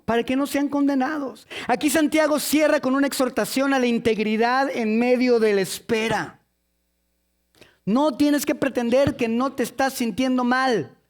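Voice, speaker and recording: A man preaching a sermon, telling a story with jokes and acting out its characters in different voices. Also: very high-pitched.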